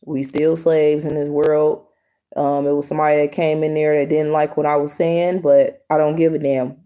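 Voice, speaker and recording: A woman's voice: low-pitched, flat delivery, normal speed, mellow. A young adult woman vlogger giving a casual opinion monologue to the camera, blunt and emphatic, repeating her points.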